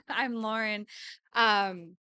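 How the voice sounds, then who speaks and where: A woman's voice: medium pitch, very slow, sharp tone, smooth, no room sound, studio quality. A woman from San Diego, a yoga and sound healing practitioner, introducing herself to a small group, a bit self-conscious and giggly. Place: wellness studio with a small audience.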